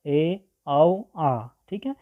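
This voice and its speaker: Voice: medium pitch, lively intonation, extremely slow, narrow, tinny audio. A teacher giving an online grammar lesson, asking questions and answering them, sounding out vowels one by one, and checking in with "okay" after nearly every point. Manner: keeps adding "ठीक है" as a check-in; asks a question and then answers it.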